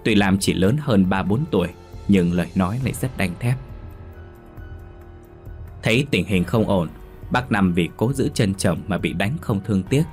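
A man narrating a scripted story with a dramatic, expressive reading. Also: sits low, normal speed, long pauses. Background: faint music.

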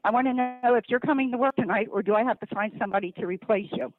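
Stern woman over the phone, high, insistent, tinny line. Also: fast talker, no echo. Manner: stern, insistent, talking past the listener. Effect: recorded clips played down a phone line.

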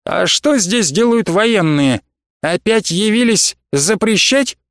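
A tall grown man, fed up and deliberately needling, as a male audiobook narrator puts him on. Raised a bit above the narrator's voice, with a dry, close sound. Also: high-pitched, lively intonation, fairly bright tone, dry recording. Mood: provocative. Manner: exasperated, provocative.

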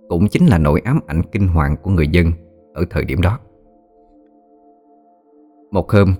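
A man narrating a ghost story in a measured, solemn way. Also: deep voice, darkish tone. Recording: faint music bed. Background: faint music.

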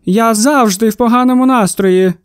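A man voicing a huge, loud, ill-tempered shopkeeper's wife who snaps and grumbles in a storybook reading. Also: moderate pace, clean tone, dry recording, studio quality. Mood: grumbling. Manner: booming, snapping complaints.

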